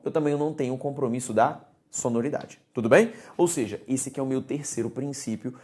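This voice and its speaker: Speaking in a low, mellow voice, a woman patiently explains grammar in a recorded lesson. She stresses key words by repeating them and stops now and then to make sure her students keep up.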